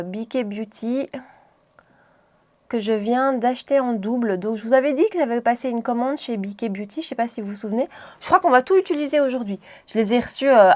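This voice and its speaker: A woman talks viewers through her makeup in a loose, chatty way, doubling back and correcting herself as she goes. Her voice sits a little high for a woman. It has the easy feel of a home tutorial. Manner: chatty, rambling, frequent self-corrections. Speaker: beauty vlogger. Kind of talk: casual makeup tutorial chat.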